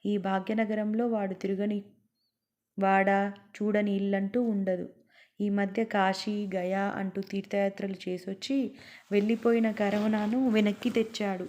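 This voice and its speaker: A woman voicing a sharp-tongued, anxious middle-aged wife who nags and mocks her husband in a storybook reading. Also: mid-range voice, level tone, unhurried, lightly acted. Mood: sarcastic scolding. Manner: sarcastic, nagging.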